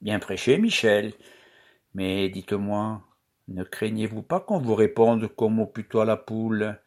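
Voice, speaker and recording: A man reading aloud, voicing a mocking young village girl in a lively, teasing manner. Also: on the low side, measured pace, lightly acted.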